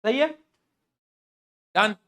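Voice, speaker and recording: A man's voice: extremely slow, sharp tone. A man teaching a live online science class, joking with his students and answering his own quiz questions. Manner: playful, joking, quizzing students and answering himself.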